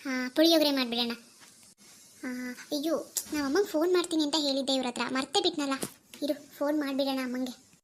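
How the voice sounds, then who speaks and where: A woman voicing a gentle, caring young wife in a cartoon who speaks softly and reassuringly. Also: sits high, steady tone, fast, long pauses, noisy background, lightly acted. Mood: chatty. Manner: soft, reassuring. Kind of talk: cartoon dialogue acting.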